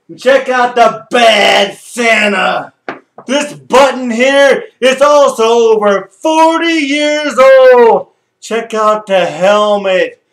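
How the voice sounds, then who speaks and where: A raspy, middle-aged man with a strikingly high voice hollers like a die-hard fan at a game. He takes his time and stretches his words out. The sound is roomy and echoey, with guitar playing behind him. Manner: loud, brash, hollering. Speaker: sports fan vlogger. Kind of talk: rowdy fan video with shouting and singing. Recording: echoey room with guitar music.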